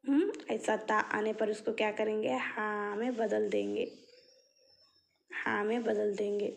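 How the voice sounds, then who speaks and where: A woman teaching Quran reading rules in a slow step-by-step lesson, posing questions and answering them herself, and drawing out example words very slowly. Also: mid-range voice, little pitch movement, vocal fry.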